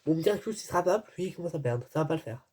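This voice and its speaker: Woman vlogger unboxing stuff, kinda low voice, grumbly and chatty, lots of wrapper crinkle noise. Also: animated, fast. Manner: chatty, exasperated grumbling with laughs. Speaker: vlogger opening an advent calendar. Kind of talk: casual unboxing chat. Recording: noisy with crinkling packaging. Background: clicks and crinkling wrappers.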